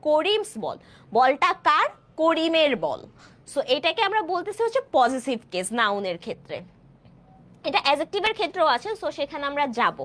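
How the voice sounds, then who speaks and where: A woman in her twenties from Bangladesh, teaching an online English grammar class and often checking that students follow, with slow, drawn-out example sentences. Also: high voice, very animated, fairly bright tone. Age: 20s. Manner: keeps asking students questions to check understanding; stretches out example sentences slowly. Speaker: admission test English tutor.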